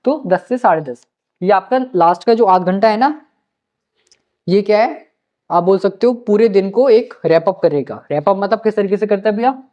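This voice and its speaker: A man's voice: sits high, lively intonation, moderate pace. A male teacher giving study-planning advice to students, coaxing them and repeating his key points. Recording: slightly muffled lo-fi recording.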